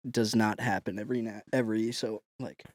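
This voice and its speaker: A man's voice: on the low side, steady tone, fairly quick, no room sound. A young man co-hosting a podcast, arguing his point in a casual, slangy way. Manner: argumentative, slangy. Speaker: podcast co-host. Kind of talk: casual chat.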